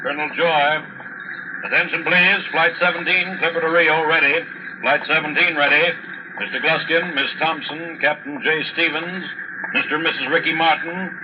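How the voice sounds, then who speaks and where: An actor playing a calm, formal airport announcer whose voice comes over a loudspeaker in a radio drama. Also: male voice, on the high side. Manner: formal, measured public announcements. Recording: muffled old radio broadcast with hiss.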